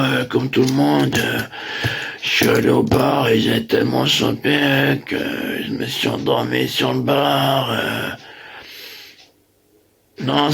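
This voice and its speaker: A man's voice: mid-range voice, a bit bright. A man doing a rambling, boastful comic monologue, full of fillers. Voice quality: gravelly, husky. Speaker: comic playing a crude braggart.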